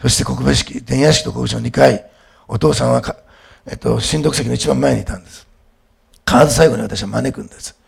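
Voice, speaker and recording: A male pastor preaching a sermon, moving between quiet storytelling and loud, emphatic declarations. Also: mid-range voice, a little fast, creaky, slightly rough.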